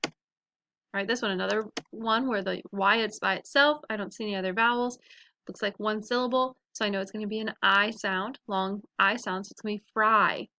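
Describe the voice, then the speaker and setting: A woman teaching a phonics lesson to young children, sounding out letters and words slowly and clearly. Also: mid-range voice, steady tone, bright, forceful tone, dry recording.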